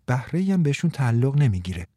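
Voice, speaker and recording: A man voicing a moody young woman in an audiobook, speaking dryly and teasingly, with soft hushed stretches. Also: medium pitch, big pitch swings, no room sound, clean studio sound. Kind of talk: audiobook character reading.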